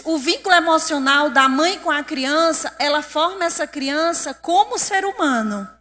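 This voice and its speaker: In a council chamber, a woman gives a lecture at a public event, often putting questions to her listeners. Her voice is high and sharp, and the sound carries a long hall reverb.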